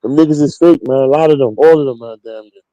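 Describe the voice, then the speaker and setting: A Queens man with a New York accent, appearing as an interview guest, tells street stories casually in a blunt, slangy, emphatic way. His mid-range voice is warm and he talks fast. The recording is dry and the audio quality is poor.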